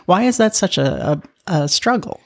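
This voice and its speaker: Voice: mid-range voice, sing-song, normal speed, vocal fry. An interview host who responds sympathetically and asks long, rambling questions. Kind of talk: conversational interviewing.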